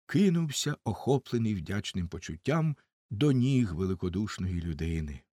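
A man narrating a novel in a measured storytelling manner. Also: mid-range voice, a little mellow, dry recording, studio quality. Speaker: audiobook narrator.

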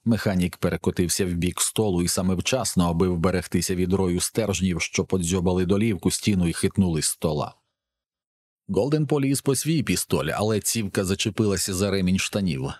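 Deep-voiced male audiobook narrator. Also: darkish tone. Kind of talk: scripted narration.

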